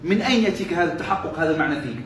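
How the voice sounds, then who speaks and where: A man teaching as a sheikh talks quickly in a high voice, peppering his lesson with rhetorical questions and repeating key phrases. The recording is roomy and echoing, with a faint hum of background noise behind him. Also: lively intonation. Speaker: sheikh teaching a religious text. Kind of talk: religious lesson with colloquial asides.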